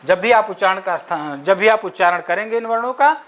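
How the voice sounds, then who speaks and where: A brisk, high-voiced man with a rather bright tone teaches Sanskrit grammar for an exam. He keeps asking and answering his own questions, says "okay" frequently, and breaks sounds down individually.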